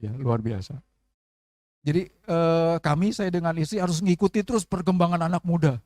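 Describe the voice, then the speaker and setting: Seorang pendeta pria paruh baya berkhotbah dalam ibadah gereja, sering bertanya kepada jemaat. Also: male voice, on the high side, moderate pace, a little mellow, dry recording, studio quality. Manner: preaching with call-and-response questions and acted prayers. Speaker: pastor. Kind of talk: sermon. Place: church service.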